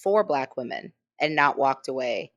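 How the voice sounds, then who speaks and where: A woman's voice: a bass voice, animated, moderate pace, fairly bright tone. A woman co-hosting a podcast in casual chat, emphatic, with frequent restarts and asides. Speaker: podcast co-host.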